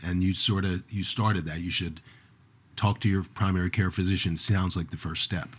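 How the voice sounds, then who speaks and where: Low husky-voiced man hosting an interview. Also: fairly even intonation, moderate pace. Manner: friendly, asks guest to repeat and clarify. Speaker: podcast host.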